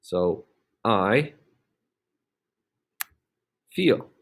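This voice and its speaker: A man's voice: lowish voice, expressive, drawn-out words, gravelly. Man, grammar teacher, step-by-step explanation, checks in with "okay?", filler words. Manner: plenty of fillers and restarts. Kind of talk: grammar lesson.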